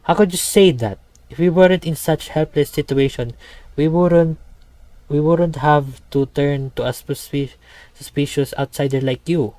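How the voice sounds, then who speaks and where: A man's voice: fairly high pitch, a little slow, darkish tone, no echo, close to an everyday voice, poor audio. A man reading the lines of an irritated woman scientist from a game, in a slightly raised voice. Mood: indignant.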